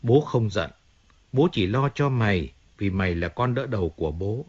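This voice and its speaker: A man voicing a stern older male crime boss who speaks gruffly and scornfully, in an audiobook reading. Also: lowish voice, expressive, normal speed, a little mellow, highs cut off. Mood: calm.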